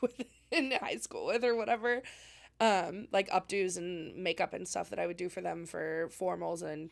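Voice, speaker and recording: Young woman, podcast co-host, rambling casual talk, fry-heavy voice. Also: fairly low pitch. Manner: chatty, rambling with many fillers. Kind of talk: casual chat.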